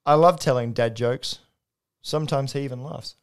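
Deadpan man telling dad jokes. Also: medium pitch, normal speed. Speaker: podcast co-host. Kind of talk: casual joke-telling chat.

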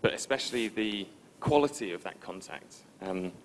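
A man giving a conference presentation in a relaxed, informal, self-deprecating way, with frequent ums. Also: fairly low pitch, normal speed, slight background noise. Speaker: conference speaker. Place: conference stage before an audience.

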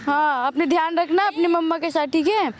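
A young woman with a strikingly high, girlish voice hosts a casual prank vlog outdoors in public. She is bubbly, teasing and bossy as she talks to the camera and to passers-by. Traffic rumbles clearly in the background. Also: normal speed. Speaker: vlogger and prankster. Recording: traffic noise behind.

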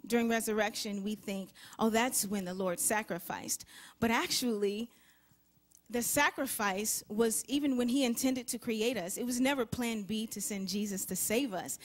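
A young woman speaking as a guest on a television talk show, earnest and softly enthusiastic. Her voice sits fairly high. She talks about her faith with warmth in her words. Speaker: gospel singer, interview guest.

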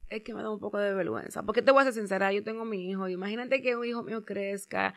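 Hoarse young female singer, shy interviewee, fry-heavy, bright timbre. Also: medium pitch, quick pace. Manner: bashful, hedging, with many fillers. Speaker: music artist guest. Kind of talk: casual interview chat.

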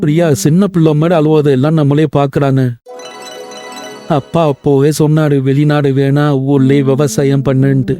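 A man's voice: a little high, little pitch movement, moderate pace, mellow, soft background music, close to an everyday voice. A man voicing a homesick young husband working abroad in a cartoon, earnest and pleading. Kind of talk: Tamil cartoon voice acting.

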